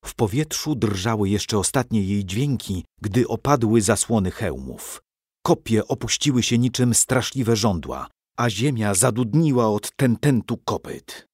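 A man narrating a historical story for children in an expressive, dramatic reading. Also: on the low side, measured pace, breathy edge, no room sound, clean studio sound.

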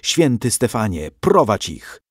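A man's voice: on the low side, big pitch swings, a little slow, breathy edge, no echo, studio quality, heavily acted. A man voicing an older townsman who explains things plainly to a boy in a storybook tale. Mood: earnest. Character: calm older townsman, knowing.

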